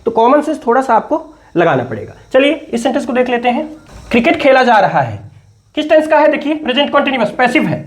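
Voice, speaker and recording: A male teacher giving a classroom-style grammar lesson, explaining step by step and often asking questions to check understanding. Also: very high voice. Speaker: English teacher.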